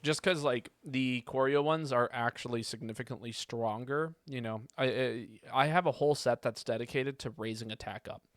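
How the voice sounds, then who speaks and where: A man's voice: medium pitch, moderate pace, few pauses, dry recording. A man streaming a video game, chatting casually and rambling as he thinks aloud. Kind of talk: casual live gaming commentary. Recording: clear background noise.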